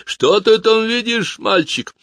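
A man voicing a menacing adult showman villain who shouts in a theatrical, booming way. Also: slow pace, no echo, exaggerated voice. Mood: mocking.

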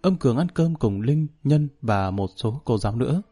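A man narrating a novel as a storyteller, in a calm, measured way. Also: medium pitch, slightly rough, soft background music. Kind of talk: audiobook narration.

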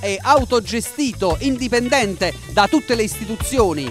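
A man's voice: very high voice, animated, moderate pace, a bit bright. A man with a southern Italian accent from Campania hosting live community radio, chatting theatrically with slogan-like, sing-song phrases. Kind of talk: live street radio chat with playful sing-song chants. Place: live outdoor broadcast in a town square. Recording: music playing behind the voice.

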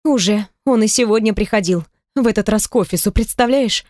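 A woman's voice: mid-range voice, fairly quick, dry recording, studio quality, close to an everyday voice. A woman voicing a shy, tired young woman who is easily embarrassed. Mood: weary, embarrassed. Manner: weary, embarrassed, soft. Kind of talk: audiobook character reading.

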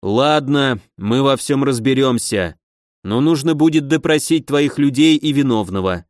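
A man reading an audiobook, voicing a short, plump, shifty town guard commander who talks in a gruff commanding tone. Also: medium pitch, expressive, measured pace, darkish tone, no echo, clean studio sound, lightly acted. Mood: commanding, sly.

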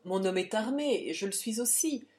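A woman's voice: medium pitch, lively intonation, normal speed, darkish tone, close to an everyday voice. Brief: pompous blustering officer, voiced by a woman, indignant, easily cowed. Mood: faint. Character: pompous English captain, blustering then cowed.

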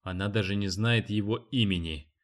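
A man's voice: on the low side, moderate pace, voice pushed down, natural voice. A man reading an audiobook, voicing an indignant, angry middle-aged father who is a wealthy shoe magnate. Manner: gruff, indignant.

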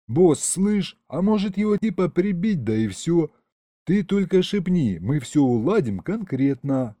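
A man's voice: fairly high pitch, very animated, unhurried, dark tone, dry recording, studio quality, voice pushed up. A man voicing a streetwise male imp henchman who talks in tough slang. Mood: eager. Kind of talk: audiobook character voice.

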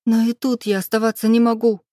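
A woman's voice: on the high side, level tone, a little fast, warm tone, dry recording, clean studio sound, pitched above the performer's own voice, lightly acted. Woman reading as a frightened young pregnant girl. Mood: pleading, tearful. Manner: tearful, pleading, defiant. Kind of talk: audiobook dialogue reading.

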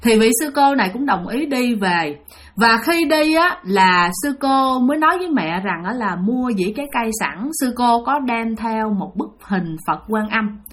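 A woman with a high-ish, expressive and fairly bright voice tells a ghost story at a moderate pace. She's chatty, speaks straight to her listeners and uses lots of fillers.

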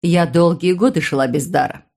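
A woman narrating a first-person fantasy audiobook in a steady, even storytelling manner. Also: on the low side, normal speed.

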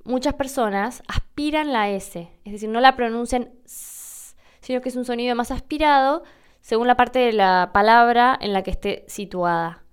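A young adult woman from Argentina with an Argentine Spanish accent, hosting a podcast and explaining pronunciation slowly and carefully. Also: on the high side, clean tone. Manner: slow, careful demonstrations of pronunciation. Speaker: podcast host answering listener questions.

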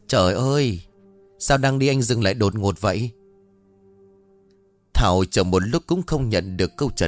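A man narrating a ghost story in an expressive, dramatic reading style. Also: on the low side. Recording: faint background music. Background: soft music.

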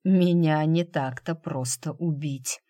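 A woman voicing a wounded man who gasps out his words in a rasping voice, in an audiobook. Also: deep voice, takes it slowly, mellow, highs cut off. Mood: strained rasping. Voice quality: rasping, breathless. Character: wounded man, hoarse dying warrior. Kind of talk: audiobook character voice.

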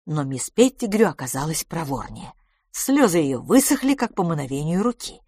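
A woman narrating an audiobook in a brisk, expressive reading style. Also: sits low, husky, no echo, clean studio sound. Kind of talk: scripted narration.

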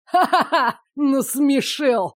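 A woman narrating an audiobook voices a cruel, power-hungry sorcerer, lightly acted, who sneers in a slow, gloating drawl. She pitches him lower than her own voice and keeps it mellow, in a dry, close recording with no echo.

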